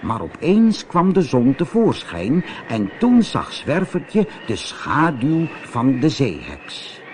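A man reading a children's story aloud as narrator, slow and expressive. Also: medium pitch, a little hiss or hum.

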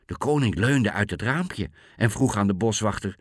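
A man reading a fairy tale aloud with very expressive, swooping intonation. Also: lowish voice, normal speed, breathy edge, no room sound, studio quality. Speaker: narrator.

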